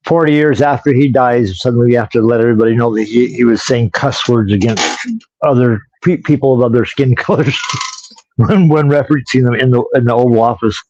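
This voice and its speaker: A man's voice: mid-range voice, darkish tone, muffled recording. A man co-hosting a live podcast in casual chat, rambling and joking between impressions. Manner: rambling, jokey, does impressions. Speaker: podcast co-host.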